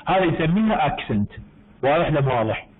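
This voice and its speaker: A man with an Iraqi Arabic accent teaching university English in an online lecture, explaining slowly with many repeats and self-corrections. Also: a little high, sing-song. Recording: tinny online-call audio.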